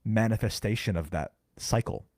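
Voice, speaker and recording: A man co-hosting a podcast, carefully explaining scripture in casual chat and slowing down to stress key words. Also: on the low side, a little mellow, no echo, clean studio sound. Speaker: podcast co-host. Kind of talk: casual Bible teaching chat.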